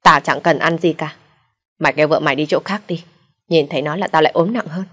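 A woman voicing a spiteful, sick elderly mother-in-law who scolds coarsely, in a low, husky voice. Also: quick pace, fairly bright tone.

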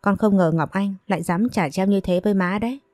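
A woman's voice: mid-range voice, fairly quick, a little mellow, no echo, studio quality, lightly acted. A woman doing a falsely sweet schemer. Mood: coaxing.

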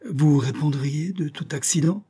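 A man's voice: mid-range voice, normal speed, dark tone, voice pushed up, natural voice. A man voicing a miserly old male moneylender who whines and laments, in a storybook reading. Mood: whining. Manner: wheedling, lamenting.

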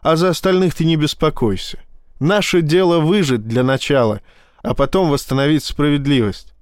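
Feisty young female pilot, audiobook reading by a man; higher voice, dry close mic. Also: no room sound, close to an everyday voice. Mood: defiant. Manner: brisk, feisty. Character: spirited young woman pilot, brash, loyal.

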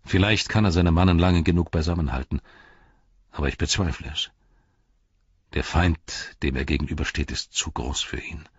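A man voicing a grave, weary old wizard in an audiobook, speaking low and measured. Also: steady tone, slightly rough, dry recording. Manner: low, grave and measured, dropping to near-whisper. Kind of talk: audiobook character reading. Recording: dull, slightly lo-fi dry recording.

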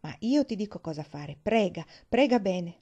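A woman's voice: medium pitch, expressive, normal speed, warm tone. A woman reading aloud, voicing a cheerful, gossipy little girl who teases as she talks. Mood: smug. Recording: dull lo-fi recording.

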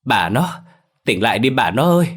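Male narrator plays older dad, hoarse, trembling, deep. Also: steady tone, normal speed, fairly bright tone, natural voice. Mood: alarmed. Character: stern older father, shaken.

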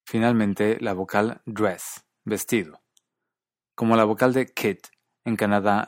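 A low-pitched man narrates a scripted language lesson at a measured pace, pausing to demonstrate single words in different accents. The recording is dry and close, with no room sound. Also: no echo. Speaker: host of a linguistics video series.

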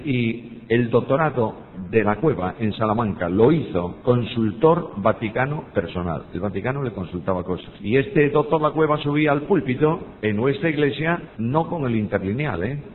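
Emphatic older Spanish Bible teacher, tinny hall audio. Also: male voice. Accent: Spain. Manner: emphatic, asks the audience rhetorical questions. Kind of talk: teaching on preaching, with personal anecdotes. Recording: tinny phone-like audio with long hall reverb and faint rumble.

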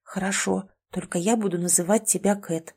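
A woman's voice: medium pitch, steady tone, normal speed, a little mellow, breathy edge. A woman reading the lines of a touchy young man trapped in a kitten's body in an audiobook, close to her own voice. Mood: grumpy. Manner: grumpy, condescending.

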